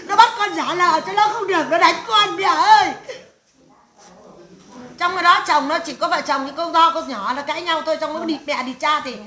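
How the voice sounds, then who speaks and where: A woman's very high, bright, pushed voice comes out brisk as she acts as a medium for a stern elderly great-grandmother's spirit at a séance. Speaking in a ranting mood, she hurls a crude, curse-filled scolding at the family, recorded in an echoey room.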